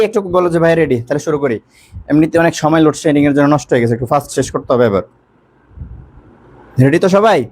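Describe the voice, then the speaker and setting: Fast-talking man teaching, sore throat. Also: a little high, darkish tone, slightly rough. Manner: fast, repetitive checking-in with students. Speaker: online admission coaching teacher. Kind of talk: live online grammar lesson.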